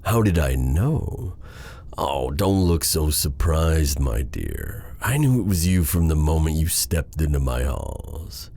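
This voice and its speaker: A menacing, seductive dark sorcerer from a fantasy audio roleplay, speaks in a husky, creaking, bottomless bass. He lingers over his words at a very slow pace, theatrical and silky, teasing the listener with sly menace. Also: big pitch swings, exaggerated voice. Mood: smug, knowing. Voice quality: breathy, gravelly. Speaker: voice actor. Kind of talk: ASMR fantasy roleplay acting.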